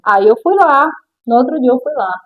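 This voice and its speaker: A woman's voice: sits high, lively intonation, moderate pace, highs cut off. A middle-aged woman with a Brazilian accent, a guest sharing her personal testimony in an interview and acting out the voices of the people in her story.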